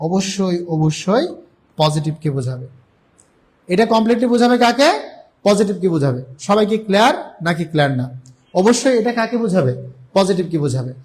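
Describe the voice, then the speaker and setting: A young Bangladeshi man with a high voice, teaching English grammar in a live online class. He asks his students a question and answers it himself right away, again and again. He draws the English example words out slowly so they are easy to follow. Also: very animated, darkish tone. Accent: Bangladeshi Bengali.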